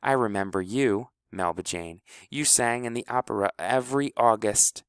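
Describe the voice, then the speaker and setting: A man's voice: fairly low pitch, moderate pace, clean tone, dry recording, close to an everyday voice. A man voicing a pompous, theatrical woman pageant director who drops fake French phrases into her speech, as a character in an audiobook.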